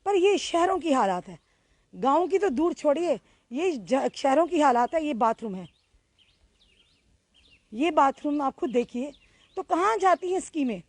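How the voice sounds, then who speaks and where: Woman field reporter, high voice, dry close sound, earnest appeal to the audience. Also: big pitch swings, unhurried, pauses often, dry recording. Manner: soothing with a crying child. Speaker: local news reporter.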